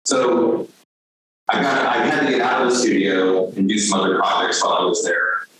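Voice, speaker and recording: A man's voice: fairly low pitch, fairly even intonation, moderate pace, fairly bright tone. Lecturing man in an echoey hall. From Vermont. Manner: loose and conversational, many "like" and "um" fillers. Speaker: painter giving a lecture. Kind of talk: casual lecture. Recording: very echoey hall, heard from far off.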